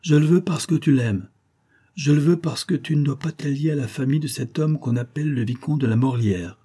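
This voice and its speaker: A man's voice: mid-range voice, normal speed, warm tone, slightly rough, close to an everyday voice. A man voicing a fervent noble mother. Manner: fervent and insistent. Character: determined aristocratic mother, a marquise.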